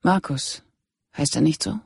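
A narrator voicing a serious, calm male colleague who speaks in a steady, low-key way. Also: a little slow, vocal fry, husky, no echo, clean studio sound, heavily acted. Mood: hushed.

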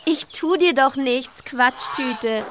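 A woman voicing a cheerful, excited little girl who speaks in a high, gushing way. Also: slow, background noise. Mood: bubbly.

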